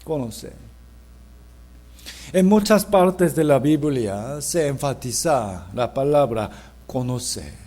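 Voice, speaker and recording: A man's voice: medium pitch, animated, slow pace, long pauses, dark tone. A man preaching at a Bible seminar in a church, asking rhetorical questions and leading the congregation in reading scripture aloud.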